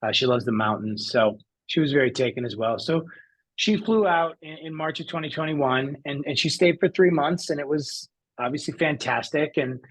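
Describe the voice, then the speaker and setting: A man's voice: on the high side, moderate pace, low-quality recording. A man as an interview guest, telling his own story in an earnest, reflective way. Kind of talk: conversational interview.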